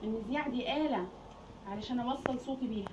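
A woman with an Egyptian Arabic accent teaches a grammar lesson in a rapid-fire, higher-pitched voice, asking questions and then answering them herself. The recording is roomy, distant and muffled, with faint hiss.

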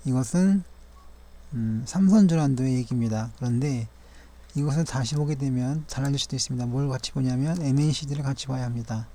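Gravelly, mellow-voiced man reviewing stock charts. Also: medium pitch. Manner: measured, formal and polite, pauses to correct himself.

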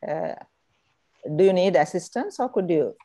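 Woman moderator on a video call, low and mellow, hesitant delivery, dry close sound. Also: expressive, normal speed, no room sound. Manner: hesitant, frequent fillers. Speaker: moderator introducing the speaker. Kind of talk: formal introduction. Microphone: earphone mic on a video call.

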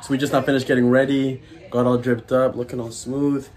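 A college soccer player in his twenties, from South Sudan or Canada, chats slangily and laid-back to camera for his vlog. His medium-pitched voice is flat, a little fast and darkish, over noisy outdoor and room audio.

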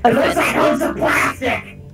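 A roleplayer voicing an abrasive, centuries-old military android that is a fox-bunny hybrid, talking brashly and often shouting. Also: high-pitched, a little slow. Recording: very echoey, far from mic, loud music and crowd.

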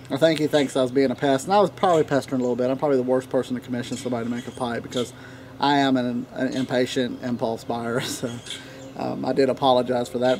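A man talks in a casual, unhurried vlog style. His voice sits at an average male pitch, and he pauses often as he rambles. He is recorded outdoors a few feet from the camera, with light natural ambience and birds around him. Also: darkish tone, a little hiss or hum. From Tennessee, United States. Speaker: pipe tobacco reviewer. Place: outdoor wooden deck in a leafy yard. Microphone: camera a few feet away. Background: birds chirping, occasional dog barking.

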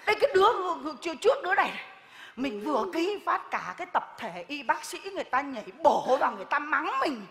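Bright, high-pitched woman as a nagging village neighbor; live stage sketch with hall reverb. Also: big pitch swings, fast talker, exaggerated voice. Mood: scolding. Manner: scolding, lecturing, loud and exaggerated. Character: bossy preachy village woman, neighbor scolding a pregnant woman. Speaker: comic stage actor. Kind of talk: live stage comedy skit.

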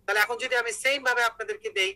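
A man's voice: very high-pitched, steady tone, rapid-fire, bright, forceful tone, rough recording. A man teaching an online English grammar class, explaining step by step and asking his students questions.

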